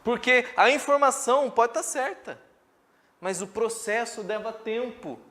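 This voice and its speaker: High-voiced, animated Brazilian preacher. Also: male voice, a little slow. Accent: Brazilian Portuguese. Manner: animated, emphatic preaching with joking asides. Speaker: pastor. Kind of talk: sermon. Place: church congregation.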